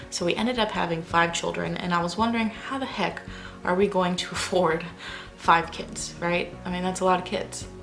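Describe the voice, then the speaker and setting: Her voice is fairly low, creaky and a bit bright. She is a young adult parenting vlogger chatting to camera in a rambling way, speaking softly late at night because everyone else in the house is asleep.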